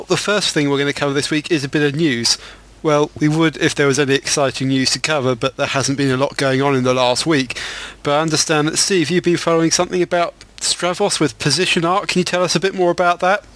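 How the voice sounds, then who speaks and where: A man hosting a tech podcast, introducing guests and steering the talk in a measured way. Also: on the high side, steady tone, a bit bright. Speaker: podcast host. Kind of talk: casual chat.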